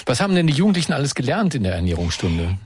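A man's voice: mid-range voice, very animated, racing, darkish tone, a little hiss or hum. A man hosting a radio show, chatting casually and playfully with a reporter. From Argentina. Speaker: radio host.

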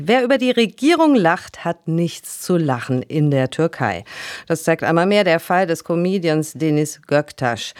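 Culture radio presenter, even announcing voice, mid pitch, dry studio. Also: no echo.

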